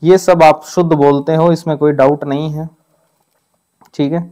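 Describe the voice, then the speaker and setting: A man with a somewhat high voice gives an exam-prep grammar lesson. He drills the correct forms over and over, contrasting them with common mistakes. He checks in with listeners constantly with "ठीक है". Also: fairly even intonation, normal speed, warm tone. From Rajasthan. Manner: repeats points with frequent "ठीक है" check-ins. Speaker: teacher.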